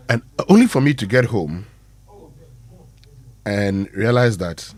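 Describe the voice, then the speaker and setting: Slow, low-voiced Ghanaian radio host. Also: male voice, animated, darkish tone, slightly rough, dry recording. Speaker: morning radio show host. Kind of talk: casual live radio chat.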